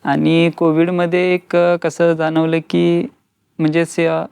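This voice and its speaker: A man's voice: fairly high pitch, completely flat delivery, slow, creaky, a little mellow, clean tone, dry recording. A young man recounting family memories in a plain, matter-of-fact way as an interviewee. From Khanapur, Belgaum, India.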